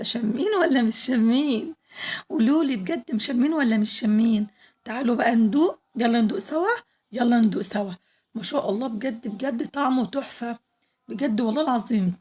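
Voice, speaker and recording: Hoarse, fast-talking Egyptian woman. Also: a little high. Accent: Egyptian Arabic. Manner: chatty, addresses viewers directly, pleads for likes. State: hoarse, losing her voice. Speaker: cooking channel host. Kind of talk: home cooking vlog narration.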